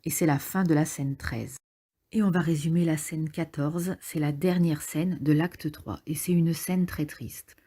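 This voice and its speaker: Low husky woman, hesitant casual summary. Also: steady tone, measured pace, dark tone. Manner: hesitant, frequent fillers, thinks aloud. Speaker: literature summarizer. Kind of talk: casual spoken play summary.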